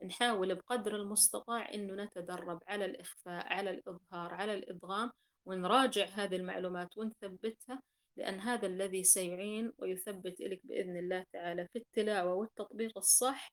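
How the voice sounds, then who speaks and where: A woman's voice: mid-range voice, steady tone, quick pace. A woman teaching Quran recitation rules in a class, explaining patiently, repeating key points and sounding out examples.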